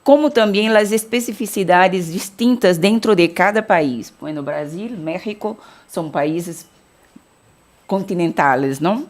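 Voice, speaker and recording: A Brazilian woman from Salvador, Bahia, delivers an academic keynote lecture in a lowish voice at a measured pace. She mixes Portuguese and Spanish, often correcting herself and starting over.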